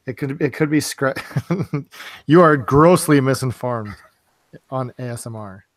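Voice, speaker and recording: A man co-hosting a casual podcast chat, with a raspy, husky voice, teasing and laughing often. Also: medium pitch, unhurried, no echo, studio quality. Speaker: podcast co-host.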